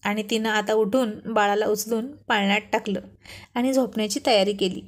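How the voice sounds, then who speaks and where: A woman narrating a romantic family story in a steady, plain storytelling manner. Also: medium pitch, normal speed.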